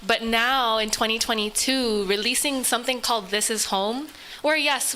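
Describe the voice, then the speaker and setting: Bright-voiced woman making earnest remarks. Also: fairly high pitch, slight background noise. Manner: earnest and conversational, with rhetorical questions. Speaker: community organizer speaking from the audience. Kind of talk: impromptu public remarks.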